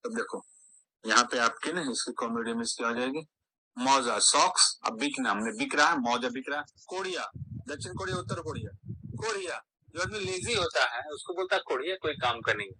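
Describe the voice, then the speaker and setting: A man's voice: medium pitch, expressive, a little fast, bright, forceful tone, dry recording, rough recording. A man with a Bihari Hindi accent, teaching a mnemonic lesson full of playful puns and repeated words.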